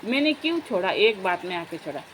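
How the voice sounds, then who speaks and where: A woman's voice: mid-range voice, sing-song, fairly quick, fairly bright tone, a little hiss or hum, low-quality recording. A young woman vlogger in casual chat, talking straight to her viewers as friends in a chatty, confiding way.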